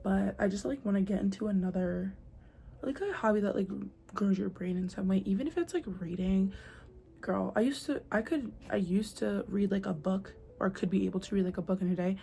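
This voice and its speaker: A young American woman vlogs casually to camera, chatty and peppering her talk with "like" and "girl," now and then dropping to a whisper. Her mid-range voice is creaky and dark, and she talks a little fast. She records on her device's built-in mic in a noisy spot where faint outdoor sound comes through.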